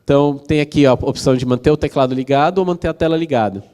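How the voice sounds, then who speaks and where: A Brazilian man presents at a tech conference in a relaxed, chatty way, often checking in with the audience. His voice is dark and mellow, at a middle pitch for a man. A long reverb from a large hall trails behind each phrase. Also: fast, clean tone. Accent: Brazilian Portuguese. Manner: explanatory, casual, frequent fillers and tag questions. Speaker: conference speaker. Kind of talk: technical conference talk.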